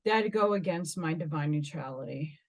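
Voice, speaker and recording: In a low voice at a moderate pace, an American woman from New York reads articles aloud on her metaphysical vlog. She keeps breaking off into rambling, dramatic, musing commentary.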